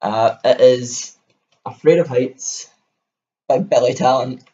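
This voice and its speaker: This music vlogger is a young Scottish man with a Scottish accent who eagerly rambles his way through a casual album review on camera. He speaks slowly in a mellow, medium-pitched voice, captured on dull-sounding audio.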